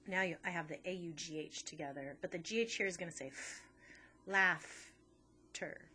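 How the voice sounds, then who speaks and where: Woman teacher, low-ish voice, patient step-by-step phonics explaining, background noise. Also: fast talker, fairly bright tone. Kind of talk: phonics lesson walkthrough.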